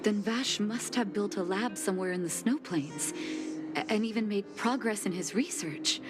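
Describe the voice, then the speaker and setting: An actress voices a composed, determined doctor and leader, speaking in a measured, thoughtful way with soft sighs and a resolute mood. Her medium-pitched voice sounds close to everyday speech, recorded as a studio voice-over with game music behind it.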